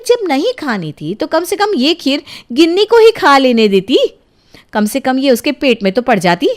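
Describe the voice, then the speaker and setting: A woman voicing a strict, exasperated mother in a cartoon storybook, scolding in a shrill tone.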